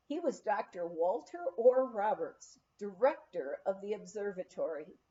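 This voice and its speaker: A woman with a dark, mid-range voice reads a memoir as an audiobook narrator. Her scripted storytelling includes occasional stumbles over words, captured on a slightly muffled recording.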